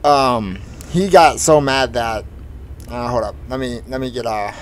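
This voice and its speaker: A man's voice: medium pitch, a little hiss or hum, low-quality recording. Rambling teenage guy telling a story. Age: teens. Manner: rambling, halting, many fillers and restarts. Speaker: gaming streamer. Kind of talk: casual storytelling while driving in a game.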